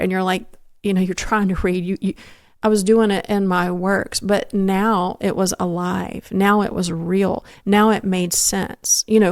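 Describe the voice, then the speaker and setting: A woman guest on a podcast interview, earnestly telling a faith story, halting with restarts and fillers. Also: lowish voice, gravelly, no echo, studio quality.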